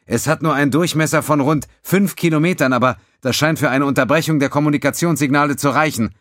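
A man's voice: on the high side, fast talker, a bit bright, no room sound, clean studio sound, voice pushed up, natural voice. A man voicing an eager male engineer giving technical reports. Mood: explaining.

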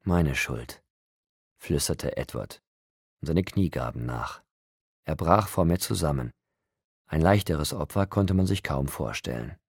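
Male audiobook narrator, first-person storytelling, measured, very deep, husky, dry sound. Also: lively intonation, darkish tone, no echo.

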